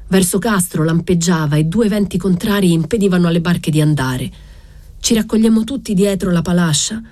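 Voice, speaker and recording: A woman's voice: lowish voice, fairly quick, a little mellow, no echo, lightly acted. A woman reading the lines of a grave older fisherman chief in a storybook reading.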